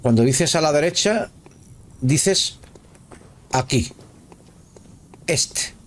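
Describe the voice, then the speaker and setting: A man talks his way through a video game in casual live commentary, his voice sitting a touch higher than most men's. He chats with viewers and shouts at enemies on screen. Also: expressive, drawn-out words. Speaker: gameplay streamer.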